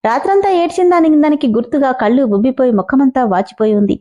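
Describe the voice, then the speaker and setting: A woman storyteller reading a serialized drama aloud in a steady, dramatic way. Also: high voice, quick pace, highs cut off.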